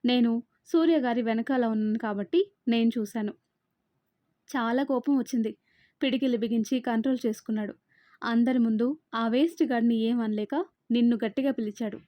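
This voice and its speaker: A woman's voice: on the high side, normal speed, pauses often, mellow, dry recording, close to an everyday voice. A woman voicing a level-headed young woman who firmly explains things to her friend, in an audiobook novel reading. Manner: firm, explaining.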